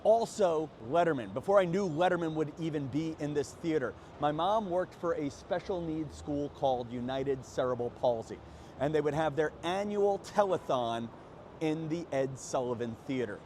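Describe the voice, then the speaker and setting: Comedian guy chatting to his phone, jokey, voice a bit high, slight street noise behind. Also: moderate pace, darkish tone. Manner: joking, conversational. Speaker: comedian and show host. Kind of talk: casual vlog monologue. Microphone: small remote microphone with a phone.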